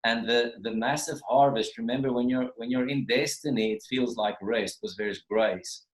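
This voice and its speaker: A man's voice: medium pitch, fairly even intonation, moderate pace. A man teaching as a minister in a casual, rambling way that often repeats and restarts words, heard over a video call. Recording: roomy video call audio.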